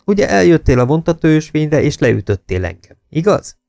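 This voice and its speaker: A man doing a patient interrogating major, calm, measured, slightly gravelly. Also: a little high, dry recording, pitched above the performer's own voice. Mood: cool. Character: cool, patient British army major interrogating.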